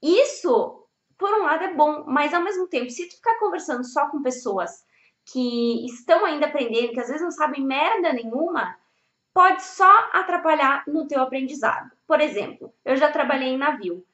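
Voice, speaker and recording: A woman's voice: high voice, lively intonation, normal speed, a bit bright. A young woman giving a casual video lesson on language learning, blunt and emphatic, swearing freely. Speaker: Spanish teacher. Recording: echoey room, slightly dull audio.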